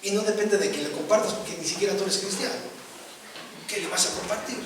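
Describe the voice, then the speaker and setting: Man preaching a sermon, highish voice, far from the mic, noisy echoey hall. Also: fast talker. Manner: preaching with rising emphasis and frequent "¿verdad?" asides. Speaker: pastor. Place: church hall.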